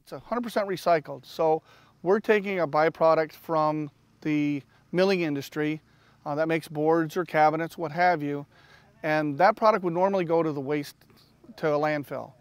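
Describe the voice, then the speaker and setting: A middle-aged man explains his product in a relaxed interview, with fillers and restarts. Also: a little high, normal speed, dry recording. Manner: easygoing, many fillers and restarts. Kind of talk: on-camera interview. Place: outdoors by a lake.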